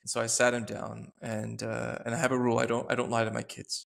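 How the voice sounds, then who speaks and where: A man's voice: mid-range voice, monotone, quick pace, vocal fry, fairly bright tone. A man in his thirties, a podcast host telling a personal story in an earnest, reflective way, often searching for words. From United States.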